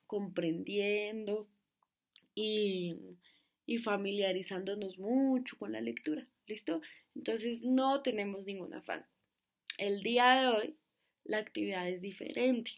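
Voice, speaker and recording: Slow, patient woman teacher. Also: mid-range voice. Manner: slow, patient, repeats words and asks "¿listo?". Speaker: schoolteacher. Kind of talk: classroom lesson.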